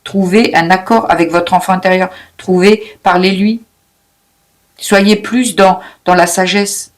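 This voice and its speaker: Woman doing a spiritual card reading, talks quick, trips over words, calm soothing guidance vibe. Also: fairly low pitch. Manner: talks fast, with many restarts and repeated words. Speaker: oracle card reader.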